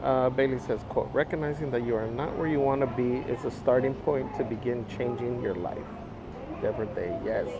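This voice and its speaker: A man's voice: medium pitch, moderate pace. A man chatting casually on a live stream and reading out viewer comments. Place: outdoors aboard an open train. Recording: dull outdoor mic, clear vehicle noise.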